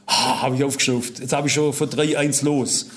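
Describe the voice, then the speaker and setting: A middle-aged man preaching a sermon, telling a personal story with animated swings between loud pleading and low, quiet asides. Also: moderate pace.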